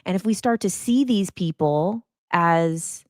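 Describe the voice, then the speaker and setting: A woman's voice: on the low side, slow, no room sound, studio quality. A woman hosting a casual spiritual chat, talking loosely and rambling with lots of "like" and "you know". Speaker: podcast host and spiritual coach.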